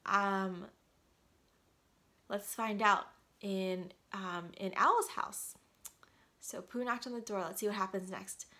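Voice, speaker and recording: A woman in her thirties reads a picture book aloud slowly at medium pitch, with frequent pauses. Animated and inquisitive, she puts questions directly to young children while sitting in a small, quiet room at home.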